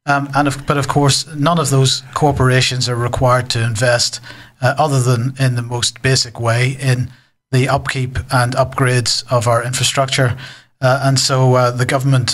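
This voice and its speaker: A man's voice: medium pitch, fairly bright tone. A man co-presenting a news show, commenting on articles in a discursive way, correcting himself as he goes.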